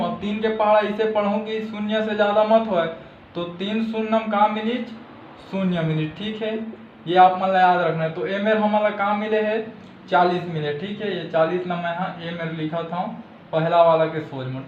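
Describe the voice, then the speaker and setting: A man's voice: high-pitched, reverberant, phone-quality sound, slight background noise. A man with a Chhattisgarhi accent teaching a maths lesson step by step, often checking in with "thik hai" and calling viewers friends.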